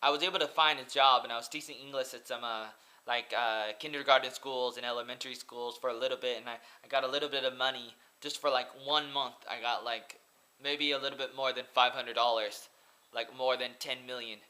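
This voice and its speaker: Fairly quick and steady, his medium-pitched voice comes across bright and forceful. The young American from Oregon, a twentysomething vlogger and English teacher, rambles earnestly to his laptop webcam up close in a small room, peppering this casual monologue with "like" and repeating himself.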